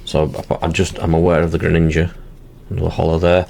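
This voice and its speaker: A channel host with a low, darkish voice gives casual running commentary while going through a box of card packs, chatting and narrating each small step. He speaks briskly in a monotone with vocal fry. Faint hiss sits in the background.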